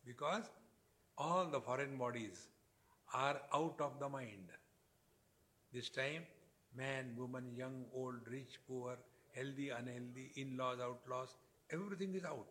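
Male spiritual teacher, Indian accent, discourse delivery in short emphatic phrases, medium-pitched voice. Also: a little slow, a bit bright, slight background noise. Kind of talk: spiritual discourse with Sanskrit verse.

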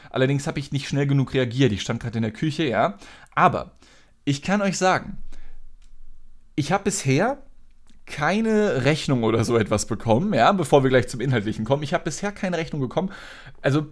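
A man's voice: mid-range voice, animated, brisk. Chatty, joking podcast host man. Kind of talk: casual podcast storytelling.

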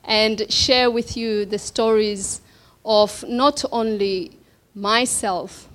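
At an evening event, a Somali woman delivers a keynote in an event hall before an audience, telling her personal story. Her medium-pitched voice moves slowly and reflectively, with frequent pauses and small hesitant fillers.

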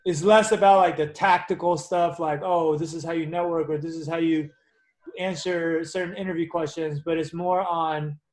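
A man's voice: on the high side, steady tone, normal speed, rough recording. A man hosting a podcast interview, talkative and encouraging as he sums up advice. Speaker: podcast host. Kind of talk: casual interview.

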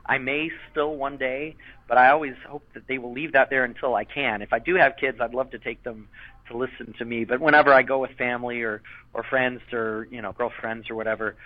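A former child voice actor talks loosely in an interview, full of fillers and false starts, and the call sounds tinny like a phone line. He speaks fairly quickly in a mid-range voice with fairly even intonation, and there's no room sound.

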